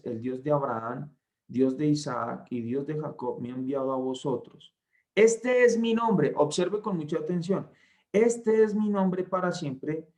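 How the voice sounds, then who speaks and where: Slow, emphatic male Bible tutor. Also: medium pitch, gravelly, darkish tone. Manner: slow, emphatic, reads verses aloud and checks in with "¿cierto?". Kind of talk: online Bible lesson.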